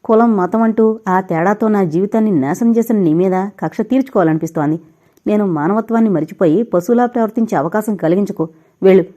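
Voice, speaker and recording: A woman's voice: mid-range voice, a little fast, warm tone, dull audio, lightly acted. A woman voicing an anguished, heartbroken man who drinks, in an audio novel, speaking in a pained, brusque way. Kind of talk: audiobook character reading.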